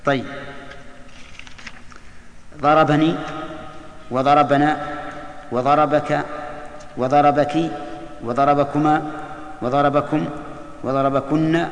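A man teaching an Arabic grammar lesson. He repeats the key terms slowly and puts quick check questions to his students. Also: a little high, steady tone. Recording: echoey hall with long reverb.

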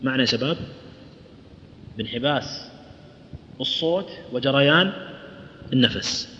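A man's voice: mid-range voice, lively intonation, moderate pace, sharp tone, a little hiss or hum. A man teaching a tajweed lesson to students, explaining patiently, modelling recitation and asking them questions. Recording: roomy lo-fi hall recording.

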